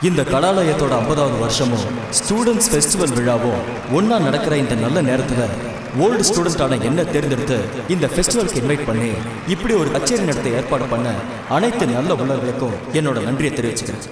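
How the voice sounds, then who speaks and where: A man's voice: mid-range voice, very animated, a little fast, natural voice. A man dubbing a film role as a courteous former student now a singer, speaking formally. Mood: polite. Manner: formal, courteous, gently amused. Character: polite male singer, former student of the college. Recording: distant, echoey hall with noise.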